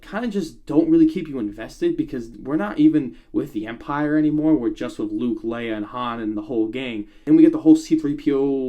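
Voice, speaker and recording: Animated mellow-voiced film reviewer man. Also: medium pitch. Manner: animated, chatty, with sudden loud bursts.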